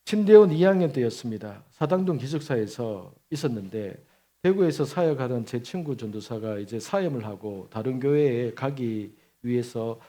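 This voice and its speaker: A man in his fifties, a pastor preaching a sermon, telling stories in an emphatic, animated way. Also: mid-range voice, normal speed. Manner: storytelling with lively acted quotes and laughter.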